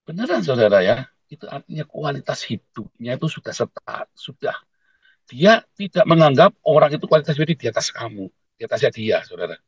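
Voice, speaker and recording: A man preaching a sermon in blunt, emphatic with a lilt, swinging between loud peaks and quiet asides and addressing listeners as brothers and sisters. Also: mid-range voice, sing-song, fairly quick, slightly rough, no echo, dull audio. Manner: keeps calling listeners "saudara". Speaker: pastor.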